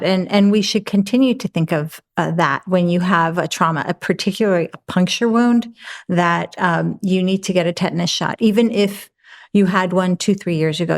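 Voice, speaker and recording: A woman physician explains medical advice to a talk show audience. She goes step by step with measured clarity, pausing on a filler now and then. Her voice sits fairly low for a woman. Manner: clear and explanatory. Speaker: physician guest.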